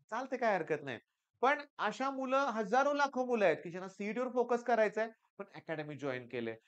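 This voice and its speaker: Middle-aged male tutor, stern lecturing tone, high smooth voice. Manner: stern, lecturing, firm rhetorical questions. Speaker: coaching class teacher. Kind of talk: direct advice talk to students.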